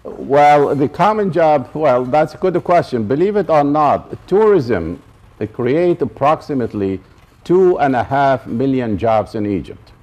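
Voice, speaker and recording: Unhurried and lively in intonation, this Iraqi man's mid-range voice has a darkish tone. As a professor giving a public college talk, he hammers home his key points through repetition and asks whether the audience is with him.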